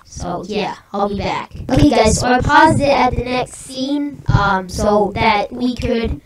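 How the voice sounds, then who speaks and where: Excitable woman through a robot voice changer. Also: on the high side, background noise. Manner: excitable, chatty, quick to exclaim. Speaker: video creator reacting to an animation. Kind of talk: casual reaction commentary. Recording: echoey room, distant mic, music behind.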